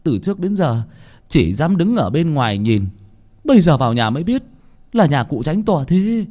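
A man's voice: fairly high pitch, sing-song, moderate pace, warm tone, voice pushed up. A man voicing humble village laborers who sound awed and stammer fawningly.

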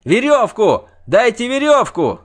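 A man voicing a frantic male bard who yells for a rope from above, shrill and panicky. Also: big pitch swings, unhurried, heavily acted. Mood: frantic shouting.

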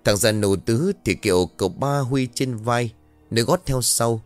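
A man narrating a ghost story in a slow, dramatic scripted style. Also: fairly low pitch.

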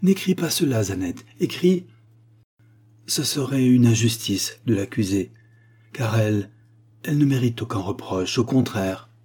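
A man reading aloud, voicing a weary, remorseful dying father who dictates in a halting, pleading way. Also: medium pitch, animated, warm tone, slightly rough.

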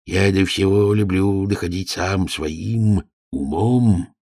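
A man voicing a pompous, slow-witted king who muses quietly in a storybook reading. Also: sits low, dry recording, exaggerated voice. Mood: pompous, musing.

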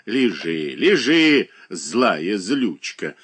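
A man voicing a capricious, childish young married woman who whines and pouts in a high, drawn-out voice. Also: very animated, a bit bright, husky, full character voice. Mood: petulant scolding.

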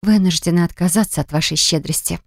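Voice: mid-range voice, fast, gravelly, dry recording, studio quality. A narrator voicing a defiant young woman who owns a pastry shop and answers back indignantly. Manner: indignant, stubborn. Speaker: storybook character.

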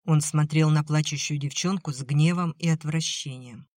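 A woman reading an audiobook aloud in a measured, even way. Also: low voice, no echo, clean studio sound. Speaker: audiobook narrator. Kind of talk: scripted audiobook narration.

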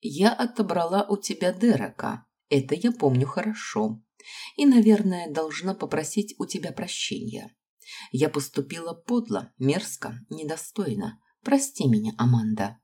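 A woman's voice: deep voice, big pitch swings, moderate pace, warm tone, breathy edge, voice pushed up, exaggerated voice. A woman reading the part of a composed young heroine who speaks in a cold, level tone with held-back emotion. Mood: contrite.

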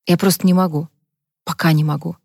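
A woman reader voicing a heartbroken young woman who speaks softly and close to tears. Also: on the low side, steady tone, brisk, vocal fry, no room sound. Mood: hesitant.

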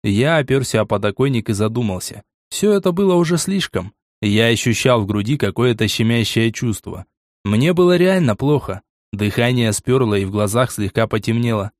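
A man's voice: mid-range voice, animated, normal speed, no echo, studio quality. Man narrating an audiobook in first person.

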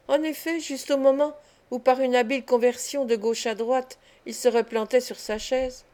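A woman narrating a classic novel as an audiobook, in a measured, expressive reading. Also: a little high. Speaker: audiobook reader.

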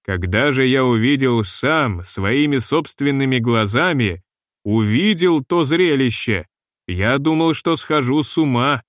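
A man reading the part of a fussy, gloomy ship's purser who speaks slowly and mournfully, in a dry recording. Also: medium pitch, lively intonation, no echo, close to an everyday voice. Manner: slow, mournful and long-winded.

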